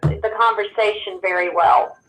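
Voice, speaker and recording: A woman, calling in over a crackly cordless phone line and briskly running a board meeting. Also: mid-range voice, steady tone, fairly bright tone, roomy sound, faint music behind. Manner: brisk, procedural.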